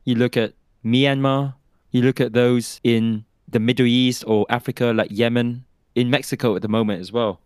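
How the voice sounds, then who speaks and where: A man's voice: mid-range voice, fairly even intonation, moderate pace, clean tone, no room sound. Man, podcast co-host, casual talk, poses his own questions and answers them, close dry mic.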